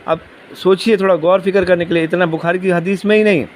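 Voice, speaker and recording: A man's voice: sits high, fairly even intonation, slight background noise. A man teaching a Quran commentary lesson, explaining patiently, asking the listeners questions and repeating key words. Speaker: religious teacher.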